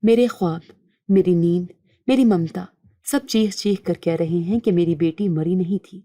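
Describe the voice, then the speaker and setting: A sorrowful young mother from a spoken story, pleading softly and earnestly, as a woman reads her lines. Her voice sits low and warm, in a dry, close sound with no room around it. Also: no echo, close to an everyday voice.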